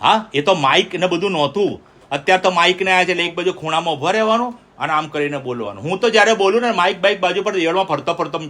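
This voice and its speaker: A man's voice: high-pitched, fast, pushed and bright. A middle-aged man from India preaching a sermon with call-and-response. He speaks with emphasis and keeps asking his listeners questions.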